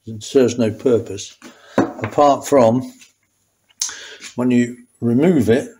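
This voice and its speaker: An older man talks through a workshop repair, pausing and restarting his sentences as his hands stay busy. His voice sits at an ordinary middle pitch, and it sounds close to the camera in a small garage. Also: fairly even intonation, background noise. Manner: thinking aloud, restarting sentences while working. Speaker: motorcycle mechanic.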